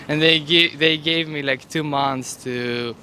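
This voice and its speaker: A man from Greece, a student, tells his story in an animated, casual way. His voice is bright and fairly high, with faint ambient noise around him. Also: takes it slowly. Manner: animated, laughs while telling a story. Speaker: student interviewee.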